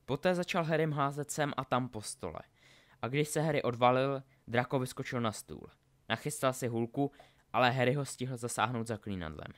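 A man narrating a storybook aloud in an expressive reading style. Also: mid-range voice. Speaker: audiobook narrator.

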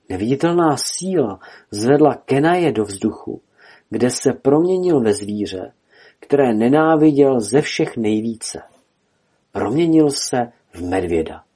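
A man reading a storybook aloud as narrator, telling it dramatically in a husky voice. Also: mid-range voice, dark tone.

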